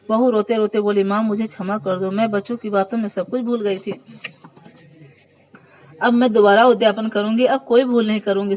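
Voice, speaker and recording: A woman reading a devotional fasting tale aloud, at a steady pace that often stumbles and corrects itself. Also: mid-range voice, poor audio. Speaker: devotional storyteller.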